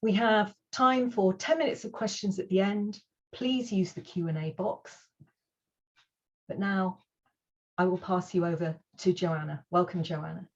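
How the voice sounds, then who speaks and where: A woman's voice: medium pitch, fairly even intonation, unhurried, dull audio. A woman hosting an online conference over a video call, speaking in an earnest, reassuring way as she opens the day and introduces the first speaker. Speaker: conference host.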